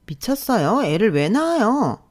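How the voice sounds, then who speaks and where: A woman voicing a vain, sharp-tongued young sister-in-law who talks in a snappy, contemptuous way in a storybook reading. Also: medium pitch, very animated, normal speed, voice pushed up, close to an everyday voice. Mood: scornful.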